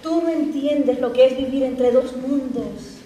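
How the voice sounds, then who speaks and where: A woman's voice: high voice, moderate pace, warm tone, lightly acted. An actress playing a sad young woman torn between two worlds, weary and evasive with her lover in a stage drama. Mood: melancholy. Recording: echoey hall, distant mic, faint noise.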